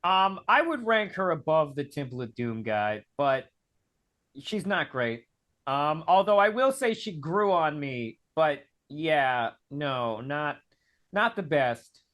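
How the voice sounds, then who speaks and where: A man's voice: a little high, lively intonation, slow pace, fairly bright tone. A man hosting a casual film discussion over a video call, hesitant and full of "like"s. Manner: hesitant, filler-heavy with many "like"s. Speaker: host.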